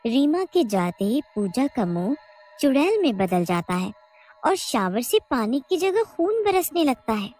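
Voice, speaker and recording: A woman narrating a cartoon horror story in a measured, even storytelling voice. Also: high-pitched, faint music behind. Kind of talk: scripted narration.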